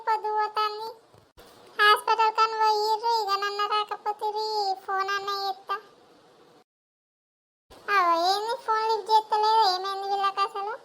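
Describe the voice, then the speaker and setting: A woman with a Telangana accent playing a scheming village mother-in-law who complains loudly. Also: extremely high pitch. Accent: Telangana Telugu. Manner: loud, scolding and complaining. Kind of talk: village comedy skit acting.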